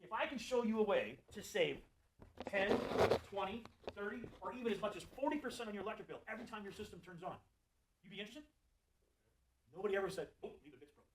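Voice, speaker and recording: Man, fast-talking, a bit high-voiced, jokey sales trainer quizzing the room, live training talk. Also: noisy background. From Florida. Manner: animated, jokey, asks the audience questions. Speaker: sales trainer for service technicians.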